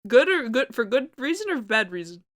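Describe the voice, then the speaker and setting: A young woman co-hosting a podcast, reacting quickly, giggling and swearing casually in chat. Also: on the high side, very animated, a bit bright. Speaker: podcast co-host.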